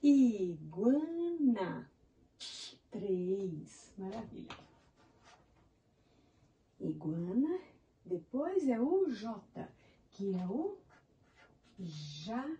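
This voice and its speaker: A woman's voice: medium pitch, big pitch swings, extremely slow, pauses often, mellow, far from the mic, highs cut off, slight background noise. A woman teaching young children in Brazilian Portuguese, counting syllables of animal names and praising them as she goes. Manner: encouraging, spells words out in syllables. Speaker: primary school teacher.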